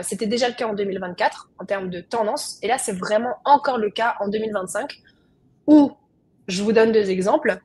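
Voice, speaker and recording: A woman's voice: a little high, darkish tone, breathy edge. A young woman presenting a webinar as a trainer, explaining in a conversational way and speaking straight to her audience over a video call.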